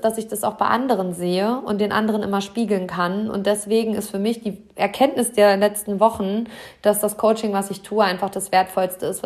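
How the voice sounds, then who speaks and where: Earnest encouraging woman life coach. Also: mid-range voice. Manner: earnest, encouraging, addresses the listener directly. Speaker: life coach and podcast host. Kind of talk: motivational self-help talk.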